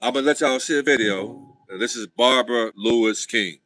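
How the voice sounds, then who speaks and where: Bright-voiced man hosting a livestream. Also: mid-range voice, brisk, soft background music, low-quality recording. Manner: animated, talks to viewers directly. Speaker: livestream host. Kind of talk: casual livestream commentary.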